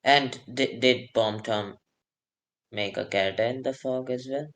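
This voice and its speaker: A man with a mid-range voice commentates a strategy game live. He reacts quickly and keeps questioning whether the moves were right. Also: medium pitch, fairly bright tone. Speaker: esports commentator.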